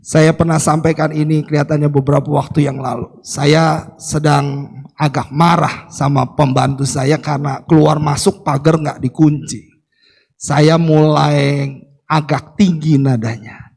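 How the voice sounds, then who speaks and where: A middle-aged male pastor delivers an animated sermon, breaking into homely family anecdotes. His voice sits high for a man and carries a gravelly edge. The sound trails off in the long reverb of a church hall. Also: a little slow. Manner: animated storytelling, repeatedly addresses the congregation.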